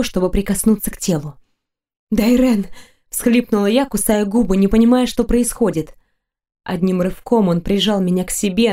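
A woman reads a first-person romantic fantasy audiobook in a steady, intimate storytelling voice. Her tone is dark and mellow, sitting at an ordinary middle pitch. The delivery stays close and even. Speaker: audiobook narrator.

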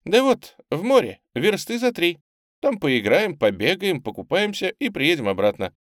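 A bright, cheerful young woman coaxes and reassures street kids in a warm, gentle voice, as a man puts her on for an audiobook. She sounds high and animated, recorded dry and close. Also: normal speed, dry recording. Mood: coaxing. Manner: warm and coaxing.

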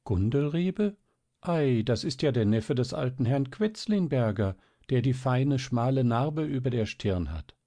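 A man's voice: medium pitch, animated, unhurried, dark tone, dry recording, studio quality, voice pushed up. A man voicing a frail, shy little sick girl in a storybook, pleading and earnest. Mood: insistent. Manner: eager, pleading.

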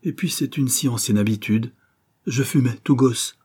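A man's voice: medium pitch, moderate pace, warm tone, husky, pitched above the performer's own voice, close to an everyday voice. A man reading a novel aloud, voicing an eager young sailor who has become a writer. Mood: earnest. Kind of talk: audiobook character reading.

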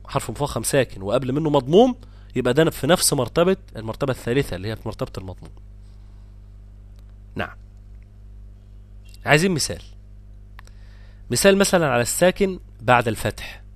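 A man with an Egyptian accent teaches a tajweed lesson, moving from quick explanation to slow, stretched-out example words. His voice sits at an ordinary middle pitch. The recording is close and dry, with no room sound. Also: animated, no echo. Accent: Egyptian Arabic. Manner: explains rules, then drawls out example words slowly. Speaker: Quran recitation teacher.

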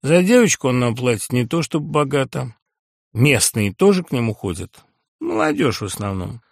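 A man's voice: medium pitch, sing-song, creaky, no room sound, clean studio sound. A man reading an audiobook and voicing a servile male underling who pleads and fawns before his boss. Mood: confiding. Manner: pleading and fawning, quick excuses.

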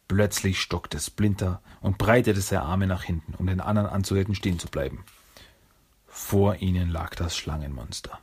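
Give me a man narrating a storybook in a measured, storytelling way. His voice is very low, with a husky, breathy grain.

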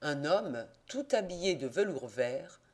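A man narrating a classic detective novel as an audiobook, in a measured, expressive reading. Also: on the high side. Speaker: audiobook reader.

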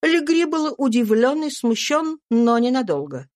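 A woman reading a classic novel aloud as an audiobook narrator, in even, measured storytelling. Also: high voice, no echo, studio quality. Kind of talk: scripted literary narration.

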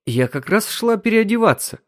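Man playing a kindly flustered mom, higher voice, lively. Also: normal speed. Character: flustered, kindly suburban housewife and mother.

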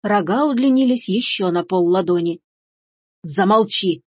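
A woman reading a fairy tale aloud in an even storytelling manner. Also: medium pitch, fairly quick, slightly rough, no room sound, studio quality. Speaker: audiobook reader. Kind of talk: scripted fairy-tale narration.

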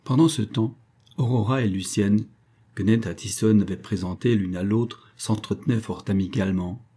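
A man narrating an audiobook in a steady, measured reading style. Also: on the low side, breathy edge. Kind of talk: scripted narration.

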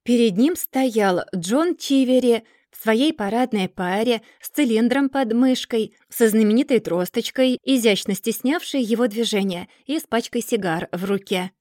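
A woman reading a classic novel aloud in a measured, expressive way. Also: fairly high pitch, dry recording, clean studio sound. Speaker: audiobook reader.

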